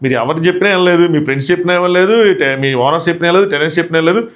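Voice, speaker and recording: Fast-talking guy recapping a reality show, slightly high voice, acts out what people said. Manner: animated retelling, acting out quoted exchanges. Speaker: show reviewer.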